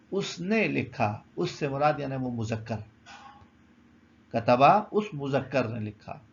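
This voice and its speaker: Gravelly man teaching a grammar lesson. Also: on the high side, muffled recording. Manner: explains patiently, asks and answers his own questions.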